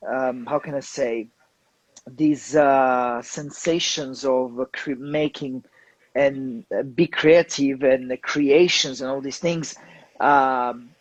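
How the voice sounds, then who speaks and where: Italian man, hesitant and halting. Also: medium pitch, dry recording, muffled recording. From southern Italy. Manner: hesitant, many fillers and restarts. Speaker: guest photographer. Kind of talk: casual interview chat.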